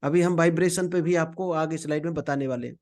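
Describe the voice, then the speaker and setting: A man delivers a motivational training talk over slides. His voice sits high for a man, and he keeps it conversational, addressing listeners as a friend and slipping in English phrases. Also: fairly even intonation, fast, a little mellow.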